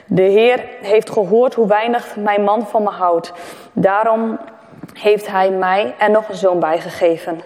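A woman's voice: mid-range voice, measured pace, darkish tone, lightly acted. A woman reading the lines of an unloved young wife, barely acted. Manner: plainly read, barely acted. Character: unloved young wife longing for her husband's love. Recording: long echoing reverb of a hall.

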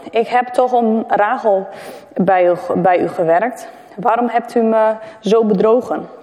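A woman's voice: on the high side, a little slow, dark tone, lightly acted. A woman reading the lines of an indignant young biblical man, barely acted. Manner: plainly read, barely acted. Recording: long echoing reverb of a hall.

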